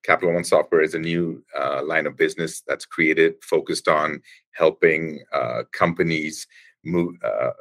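Deep-voiced man explaining at length. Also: steady tone, a bit bright. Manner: explanatory, halting with many restarts. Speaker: guest, engineering executive. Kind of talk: podcast interview.

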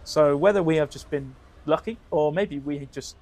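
A man's voice: a little high, normal speed, a little mellow. A man co-hosting a podcast, telling travel stories in an upbeat, rambling way. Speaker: podcast co-host. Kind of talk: casual travel storytelling.

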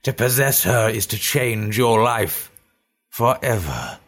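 A sly, thin old stranger in a storybook reading, drawing out every word in a slow, coaxing way, as a deep-voiced male narrator puts him on. His tone sits very low and dark. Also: expressive, heavily acted. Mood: persuasive.

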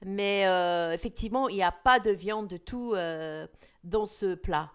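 A woman's voice: mid-range voice, measured pace, smooth. Chatty woman hosting a cooking talk. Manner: chatty, explanatory, frequent fillers. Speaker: host. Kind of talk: casual cooking chat.

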